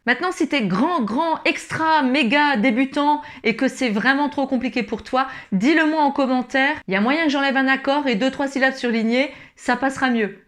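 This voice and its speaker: High-voiced woman teaching ukulele. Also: normal speed, hardly any pauses. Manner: encouraging, speaks directly to the learner. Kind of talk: friendly online music tutorial. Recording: loud ukulele playing under the voice.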